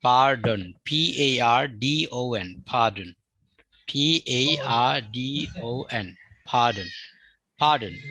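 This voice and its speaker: A man's voice: medium pitch, expressive, slow pace, sharp tone, no echo, rough recording. A man teaching a live spoken-class, drilling words by repeating and spelling them out. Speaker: English teacher.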